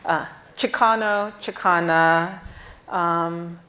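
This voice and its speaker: A woman moderating a stage panel, measured as she reads out terms and poses questions into a lapel mic. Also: on the low side, fairly even intonation, pushed and bright, slight background noise. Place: auditorium stage.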